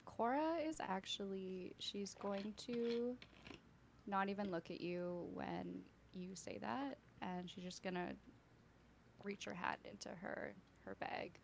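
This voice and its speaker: A woman's voice: mid-range voice, a little slow. A woman playing a tabletop game, casually describing what her character does. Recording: clear background noise and clicks.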